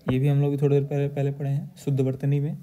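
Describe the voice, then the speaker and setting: A male teacher going through exam questions, reading each answer option aloud slowly and then stating the correct one. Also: mid-range voice, completely flat delivery, mellow. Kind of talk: exam question walkthrough lecture.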